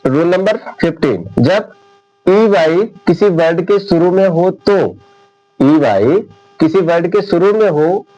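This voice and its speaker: A man gives a classroom lecture at a slow, patient pace. His voice sits a little high, and he goes over each point more than once so it sinks in. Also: warm tone, highs cut off. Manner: slow, deliberate, repeating points. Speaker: English teacher.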